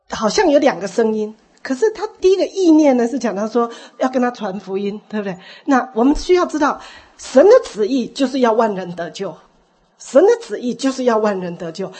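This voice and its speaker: A woman's voice: on the high side, mellow, slightly rough. A woman leading church teaching, explaining points and asking the congregation questions. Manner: instructive, asks the congregation questions. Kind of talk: sermon teaching.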